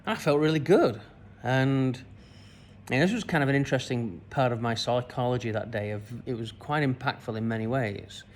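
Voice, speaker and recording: Rich: A man at medium pitch tells a personal story to camera in a meandering, conversational way, often circling back with fillers and restarts. A faint hum of noise sits behind his voice. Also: fairly quick. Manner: rambling, many fillers and restarts. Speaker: spiritual coach.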